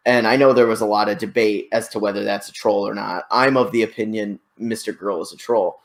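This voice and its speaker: A man's voice: lowish voice, fairly even intonation, fairly quick. A man hosting a casual online debate, explaining things in a hesitant, hedging way over a computer microphone on a voice call. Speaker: show host.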